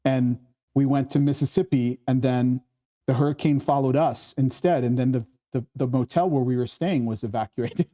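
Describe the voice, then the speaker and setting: Hosting a relaxed screenplay workshop, this man has a mellow, mid-range voice with a steady tone and a moderate pace. He talks conversationally, performs bits of quoted dialogue as he explains, and often checks with his audience with "right?"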